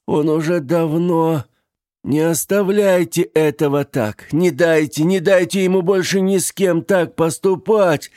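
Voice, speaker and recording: A man's voice: medium pitch, slow pace, creaky, warm tone, no room sound, clean studio sound, voice pushed up. A man voicing a frail dying old man who cries out and pleads for help. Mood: desperate cries. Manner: pleading, crying out, wheezing.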